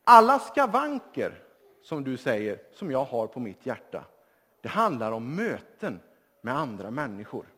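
A man voicing a gentle wise old man who calmly and softly explains his scarred heart. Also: medium pitch, slightly rough, long reverb tail, pitched below the performer's own voice, full character voice. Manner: calm, soft, explaining.

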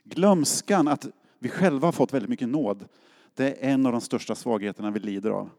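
A man's voice: medium pitch, darkish tone. A middle-aged man from Sweden preaching a sermon as a pastor, in a casual storytelling way that acts out quotes. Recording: long hall reverb.

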